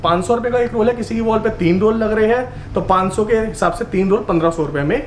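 Fast-talking shopkeeper man in echoey shop. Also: high-pitched, a little hiss or hum. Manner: explains prices and details eagerly. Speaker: shop owner showing products. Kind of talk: sales walkthrough. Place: indoor wallpaper shop.

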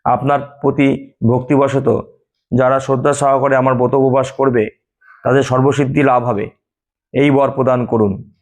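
A man voicing a young goddess who speaks reverently to her lord, in his own plain, even reading voice. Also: mid-range voice, normal speed, pauses often, close to an everyday voice. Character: young goddess born to slay a demon, devoted.

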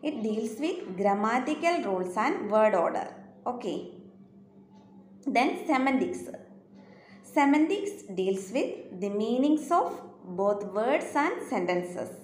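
A woman teacher with a Malayalam accent gives a recorded lecture, switching to slow, careful English for each definition. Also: on the high side, big pitch swings. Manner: slow, deliberate reading of English definitions between Malayalam explanation. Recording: echoey room, faint background hiss.

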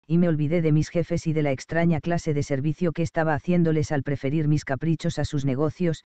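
A man narrating an audiobook in a measured, expressive storytelling manner. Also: fairly high pitch, clean tone, dry recording.

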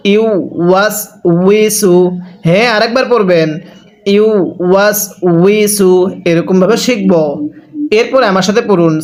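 A man teaching Quran reading who spells out syllables slowly and repeats them for the learner. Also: high-pitched. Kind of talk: slow spelling drill lesson.

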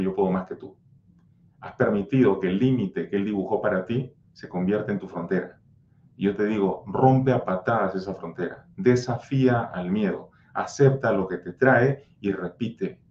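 A man with a lowish voice runs a livestream on anxiety as its coach and host, replying to viewers in an insistent, scolding, blunt manner and hammering home repeated mantras. The recording sounds roomy and slightly dull, with a little hiss or hum.

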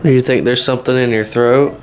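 A man's voice: mid-range voice, fairly even intonation, brisk. A man chatting casually and teasingly from behind a camera. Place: small clinic treatment room. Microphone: holding the camera. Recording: noisy clinic room camera audio.

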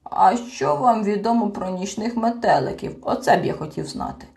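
A woman voicing a slow-witted, pedantic male creature who collects insects, muttering in a pompous way, with faint music behind. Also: medium pitch, expressive, gravelly, a little mellow. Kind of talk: audiobook character voice.

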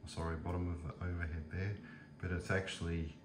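Holding his phone camera, a man shows off his kitchen and pantry indoors in a casual home tour, talking briskly in a low, level voice. His rambling is full of fillers and restarts, over a noisy background.

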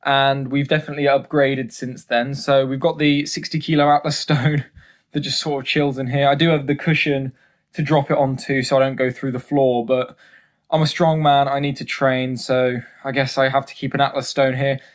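A young man in his twenties chats casually while walking a handheld camera around a small bedroom. His talk is loose and self-deprecating, full of quick asides, with an ordinary middle pitch. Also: level tone. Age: 20s. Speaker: strongman vlogger. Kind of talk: casual home gym tour. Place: small university bedroom, indoors. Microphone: handheld camera, phone at arm's length.

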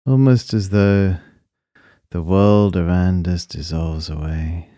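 Calm guy doing guided breathing meditation, soft mellow tone, really dry close sound, lots of pauses. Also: low-pitched, no room sound. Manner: calm, soothing, unhurried delivery with short phrases and long pauses.

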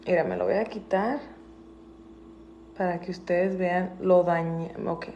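A woman's voice: lowish voice, fairly even intonation, takes it slowly, warm tone, highs cut off, a little hiss or hum. A woman, chatting casually on a livestream. She mixes with English, swears freely and sounds indignant. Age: adult with a school-age daughter. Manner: switches between Spanish and English, swears, indignant.

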